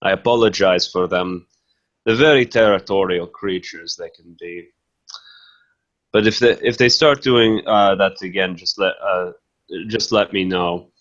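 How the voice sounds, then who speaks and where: A man role-playing a beastly, courteous master of wolves from the forest, speaking haltingly and earnestly. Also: sits low, a bit bright, muffled recording. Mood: apologetic. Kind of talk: tabletop role-play in character.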